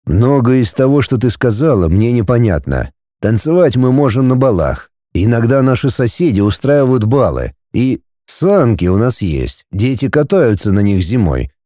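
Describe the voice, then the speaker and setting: A man's voice: mid-range voice, very animated, normal speed, hardly any pauses, warm tone, dry recording, studio quality, natural voice. A man voicing a blunt, possessive male dragon lord, speaking cool and curt.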